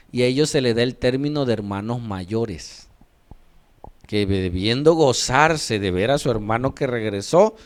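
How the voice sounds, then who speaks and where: A man's voice: mid-range voice, darkish tone. A man, a pastor, teaching a sermon workshop, reading scripture aloud with emphasis and asking his listeners questions that he then answers himself. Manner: asks the audience questions and answers them himself.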